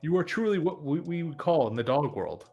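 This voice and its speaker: A man acts out an earnest, loyal talking dog in a tabletop role-play. The voice is on the high side and swings widely in pitch, with solemn, formal phrasing over music. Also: animated, brisk, darkish tone, muffled recording. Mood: solemn, devoted. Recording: music behind the voice.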